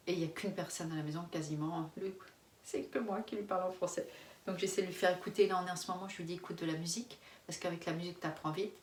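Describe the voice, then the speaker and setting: Speaking quickly in a steady tone, this woman from France, in her forties, vlogs about expat family life in a candid, wandering face-to-camera chat full of restarts and laughter. Her voice sits on the lower side, picked up from afar in a roomy space with faint background hum.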